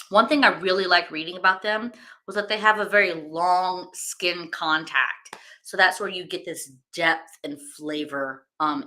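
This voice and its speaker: A woman hosts a casual wine-tasting stream, chatting in a loose, rambling way with plenty of fillers. Her voice sits a little low yet sounds bright and edged. She speaks with easy enthusiasm. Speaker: wine-tasting livestream host.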